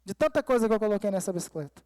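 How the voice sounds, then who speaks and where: A man preaching a sermon at a church service, his voice sitting fairly high for a man. He tells a personal story and turns to the congregation to address them as brothers. The sound carries the long reverb of a large church hall. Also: expressive, very fast, darkish tone, smooth. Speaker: pastor.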